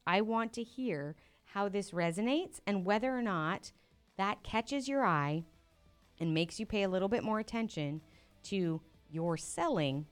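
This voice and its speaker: A woman speaking alone on her podcast, coaching her listeners. Her voice is clear and smooth and sits a little low for a woman. She talks in a direct, encouraging way and keeps tossing out rhetorical questions. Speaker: podcast host and profit coach. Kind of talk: solo podcast coaching talk.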